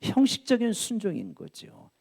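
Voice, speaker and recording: A man's voice: high voice, huge pitch swings, normal speed, gravelly, darkish tone. A middle-aged male pastor preaching a sermon, telling a story and acting out the quoted lines.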